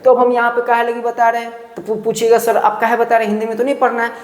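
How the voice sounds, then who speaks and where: A woman with a somewhat high, darkish voice speaks fast and in a monotone, walking through a grammar lesson step by step and quizzing students with rhetorical questions. It's a classroom-style online lesson recorded in an echoey room with long reverb.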